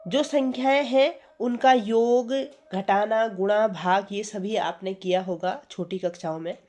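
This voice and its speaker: A woman's voice: medium pitch, measured pace, darkish tone. A woman teacher giving a patient math lesson, often checking in with her pupils and asking them questions. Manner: patient, repeats 'theek hai' and asks questions.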